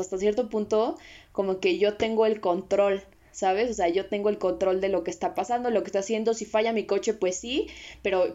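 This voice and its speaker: A woman's voice: mid-range voice, a little mellow, lo-fi sound. A woman with a Mexican accent, co-hosting a casual discussion and rambling with fillers and restarts. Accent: Mexican Spanish. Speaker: podcast co-host.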